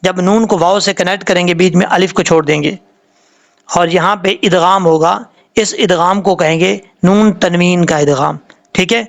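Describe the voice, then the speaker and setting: A man's voice: high-pitched, fairly even intonation, vocal fry. A man, a Quran tajweed teacher giving a patient, step-by-step recitation lesson and repeating each sound.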